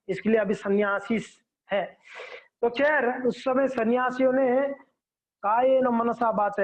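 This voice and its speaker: A man giving a devotional sermon, telling a story and acting out the quotes of its characters. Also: very high voice. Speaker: preacher. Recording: tinny phone-like audio.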